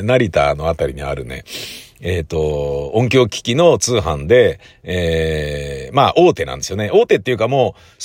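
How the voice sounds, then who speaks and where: In this casual solo chat, a middle-aged man who loves audio talks loosely and emphatically, stressing key words. The sound is clean and studio-like with no echo, and his voice runs on the low side.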